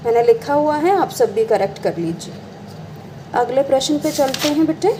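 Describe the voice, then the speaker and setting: A woman's voice: high voice, expressive, normal speed, background noise. A woman teacher, patiently explaining a lesson, often asking a question and then answering it herself. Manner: patient, calls students beta, asks and answers her own questions. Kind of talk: classroom lesson explaining exercises.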